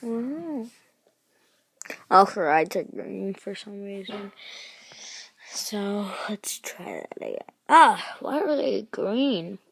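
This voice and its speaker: A woman's voice: mid-range voice, expressive, takes it slowly, creaky, pauses often, husky. A woman chatting casually and informally to viewers in a rambling amateur vlog, on a homemade recording. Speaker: amateur vlogger. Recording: noisy home recording with clicks.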